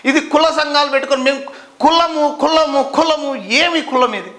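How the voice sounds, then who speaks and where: Male complainant, very high pitch, impassioned and repetitive delivery. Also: normal speed, bright, forceful tone. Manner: indignant, rhetorical, repeating his questions. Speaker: citizen complainant at a district office. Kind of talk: impassioned direct-to-camera complaint.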